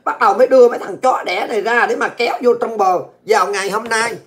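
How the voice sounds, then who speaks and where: A woman delivering angry political commentary, ranting abusively and often shouting. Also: fairly high pitch, fast. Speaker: political vlogger.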